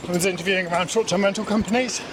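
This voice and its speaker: A man with a high-pitched voice answers interview questions casually as he runs along. He is recorded outdoors in an urban setting, with clear noise around his voice. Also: steady tone, racing. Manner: talking while running outdoors. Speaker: interview guest. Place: outdoors in an urban area, on the move.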